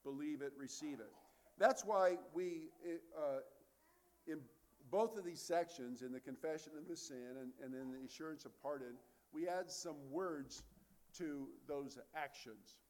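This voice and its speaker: A man's voice: a little high, unhurried, a little mellow. A man preaching a sermon as a pastor, earnest and conversational, asking rhetorical questions and answering them.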